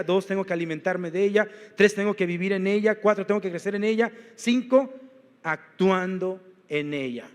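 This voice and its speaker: A man's voice: sits high, in a large hall. A male pastor preaching a sermon, walking his congregation through numbered points and rhetorical questions. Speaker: senior pastor. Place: church.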